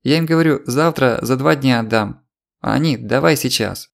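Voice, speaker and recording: Using his natural mid-range voice with a creaky quality, a man portrays a sly, scheming market trader woman who speaks with a Ukrainian accent. She rattles through tearful complaints rapidly, in a wheedling way.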